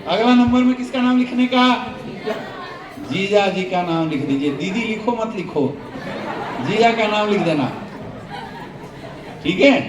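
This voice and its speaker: A man's voice: high voice, lively intonation, unhurried, pauses often, dull audio. A man giving a sales training talk to an audience, quizzing the crowd with call-and-response questions. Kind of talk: motivational seminar talk to an audience. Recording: echoey hall, mic from a distance.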